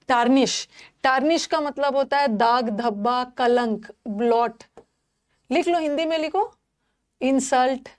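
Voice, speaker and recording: A middle-aged woman, an English teacher, giving a live online vocabulary class in a lively way, switching between Hindi and English and repeating words for her students. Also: a little high.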